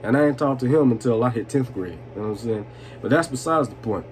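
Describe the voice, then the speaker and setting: Talking fast in a mid-range voice, this twenty-something vlogger tells personal stories, tipsy and rambling with chuckles along the way. He's slangy and profane, keeps saying "you know what I'm saying," and a steady background noise fills the noisy room.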